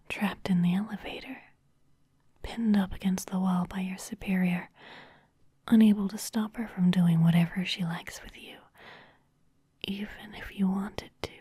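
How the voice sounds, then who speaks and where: A woman with a low-leaning, warm, husky voice plays a seductive, domineering vampire office boss in an ASMR roleplay. She whispers breathily, teasing and commanding by turns.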